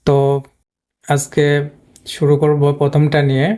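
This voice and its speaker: Pointing things out on the board, this English teacher moves through the lesson at a slow pace, pausing frequently and repeating words. He speaks in a mellow, smooth voice whose pitch never leaves an even, flat level.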